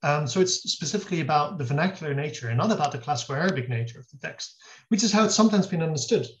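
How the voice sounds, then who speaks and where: A man's voice: on the high side, expressive, very fast, fairly bright tone, slight background noise. A man, a guest scholar, explains at length in an interview, thinking aloud and restarting his sentences. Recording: dull lo-fi audio.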